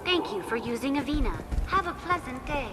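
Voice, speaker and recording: A woman playing a polite, impassive virtual tour guide program in a game, speaking in formal, measured, instructive phrases. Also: sits high, animated. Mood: courteous, impassive. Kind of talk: scripted informational guide narration. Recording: echoing hall, faint background noise.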